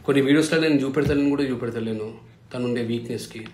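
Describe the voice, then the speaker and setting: A man's voice: mid-range voice, fast, darkish tone, a little hiss or hum. A man, a family vlogger answering viewers' comments in an impassioned, defensive way, full of rhetorical questions.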